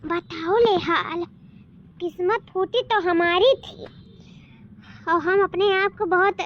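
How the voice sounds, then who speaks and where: A woman's voice: very high-pitched, fairly even intonation, slow pace, slight background noise. A woman playing a dramatic young village bride. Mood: complaining. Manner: dramatic, complaining. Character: discontented young village daughter-in-law, dramatic. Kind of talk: comedy sketch acting. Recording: dull lo-fi sound.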